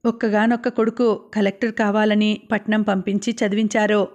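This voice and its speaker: A woman's voice: mid-range voice, level tone, moderate pace, darkish tone. A woman reading a novel aloud as an audiobook narrator, telling the story steadily.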